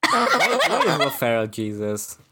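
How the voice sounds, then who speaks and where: A man talks through a movie review in loose, halting sentences, stopping and restarting his thoughts with plenty of "uh" and "like". It is relaxed podcast chat between two co-hosts. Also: medium pitch, heavy background noise. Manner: halting, full of fillers and restarts. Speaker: podcast co-host.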